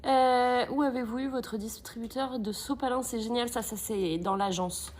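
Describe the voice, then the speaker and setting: A woman with a bright, high voice hosts a live cooking stream and chats easily with her viewers. She greets them again and again and reads their comments aloud as she cooks, with a faint hum of room noise behind her. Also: fairly even intonation, normal speed. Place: Thermomix agency kitchen.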